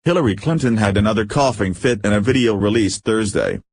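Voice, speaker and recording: A man's voice: fairly low pitch, very animated, fairly quick, a little mellow, slightly rough. A man reading scripted narration for a news video.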